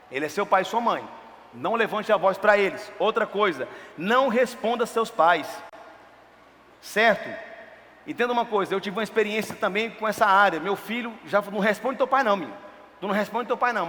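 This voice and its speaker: A man preaching a sermon as pastor, animated and joking as he acts out family scenes to the congregation. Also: sits high. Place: church hall. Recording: long hall reverb with faint noise.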